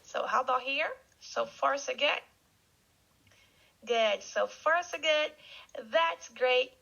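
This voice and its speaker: High-voiced woman teaching English slowly. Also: animated, vocal fry, sharp tone. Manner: slow, repeats words for learners to echo. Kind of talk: online English vocabulary lesson. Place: Canada. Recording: dull lo-fi recording.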